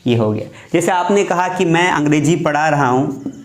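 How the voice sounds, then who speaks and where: A man delivers a classroom grammar lesson, his voice sitting a touch high. He walks through the rules step by step and drills example after example. The sound carries a noticeable room echo. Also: normal speed. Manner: explains step by step, repeats examples. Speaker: English teacher.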